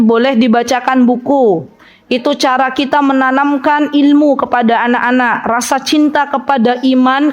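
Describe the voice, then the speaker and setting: A woman's voice: high voice, highs cut off. A woman preacher giving a sermon to a women's study group, acting out parents and children in her stories. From Indonesia. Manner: lively, acts out parents and children in quoted lines. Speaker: Islamic preacher.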